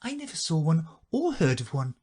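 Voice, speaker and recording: A polite, earnest young girl from a storybook, put on by a male reader. The voice is lifted high with a husky rasp and a lively, questioning lilt. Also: moderate pace.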